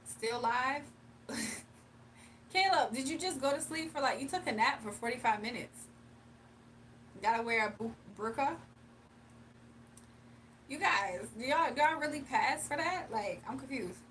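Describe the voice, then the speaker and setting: This young woman's high, fairly bright voice has lively intonation, an unhurried pace and long pauses as she chats with livestream viewers, laughs frequently and reads the chat aloud, later giving a tarot reading. A distant mic adds faint room noise.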